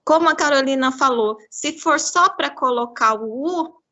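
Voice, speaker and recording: A woman giving a lecture to teachers on literacy, explaining classroom activities and slowly modeling words syllable by syllable. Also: sits high, sharp tone, highs cut off.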